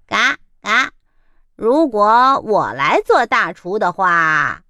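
A woman's voice: medium pitch, very animated, slow pace, pushed and bright, no echo, studio quality, full character voice. A woman voicing a fussy, eager little male duck in a children's storybook reading, quacking and whiny. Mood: scheming. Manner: quacking, sing-song, whiny when upset.

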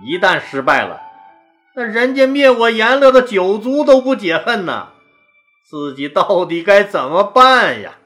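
Lively woman storyteller, bright voice. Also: mid-range voice, unhurried, soft background music. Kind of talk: history storytelling.

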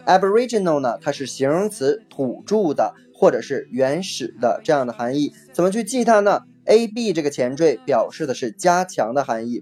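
A vocabulary teacher giving a recorded lesson, patiently explaining, repeating each key word twice and spelling it out slowly letter by letter. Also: medium pitch, darkish tone, slightly rough. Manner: spells words letter by letter, slow and deliberate.

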